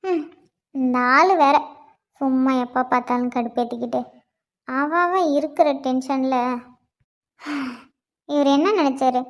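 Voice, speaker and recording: A woman's voice: sits high, measured pace, pauses often. A woman voicing a young scheming wife in a cartoon, pleading tearfully and then muttering slyly to herself.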